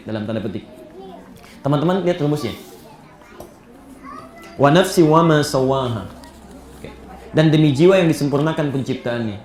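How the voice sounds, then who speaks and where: A man preaching a sermon, telling stories with lively acted-out dialogue and frequent laughter. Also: on the high side. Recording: echoey room.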